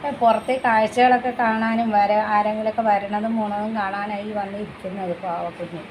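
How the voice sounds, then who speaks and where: A woman's voice: flat delivery, moderate pace, a little hiss or hum, poor audio. Chatty woman vlogging about her dog. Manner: chatty, switches to high coaxing calls to her dog. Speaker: pet vlogger. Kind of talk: casual chat to camera. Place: home in a city in India.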